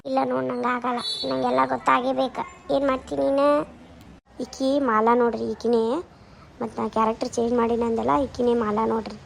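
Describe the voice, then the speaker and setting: A woman's voice: a little high, flat delivery, fast talker, vocal fry, a little hiss or hum. A woman playing a worried middle-aged mother in a comedy skit, with a North Karnataka Kannada accent, lecturing and nagging. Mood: scolding. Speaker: skit actor.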